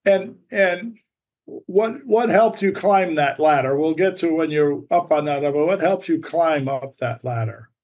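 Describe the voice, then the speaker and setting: A man with a raspy voice hosting a podcast interview in a halting, conversational way, often repeating his words. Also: fairly high pitch, darkish tone. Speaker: podcast host.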